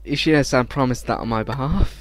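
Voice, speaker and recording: Hosting a let's play, a man reads visual novel text aloud in a loose, informal way, tripping over words and tossing in offhand reactions. His voice is medium in pitch and his pace is quick. Game music plays behind him.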